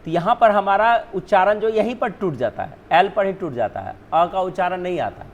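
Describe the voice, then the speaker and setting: High-pitched guy teacher, hindi first language, keeps saying "right?" and answering his own questions. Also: expressive, moderate pace. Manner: repeats "ठीक है ना", asks and answers own questions. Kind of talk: explaining spelling rules on a board.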